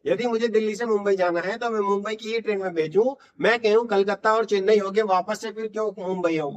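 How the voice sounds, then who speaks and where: A man's voice: high voice, dull audio. A male English teacher giving a classroom-style lesson, explaining in Hindi and repeating short English example sentences for students to copy. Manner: repeats phrases for drill, asks students rhetorically. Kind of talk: classroom lecture.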